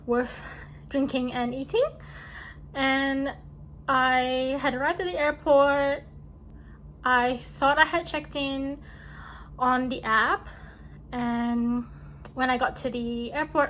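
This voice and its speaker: A woman's voice: fairly high pitch, a bit bright. A woman narrating a travel vlog as a voice-over, telling her own experience. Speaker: travel vlogger. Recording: faint background noise.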